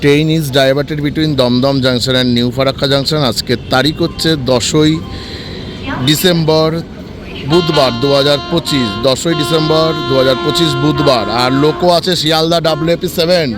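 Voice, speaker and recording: A man's voice: fairly high pitch, fairly even intonation, moderate pace, music in the background. A man giving casual vlog commentary on trains at a railway station. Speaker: train-spotting vlogger.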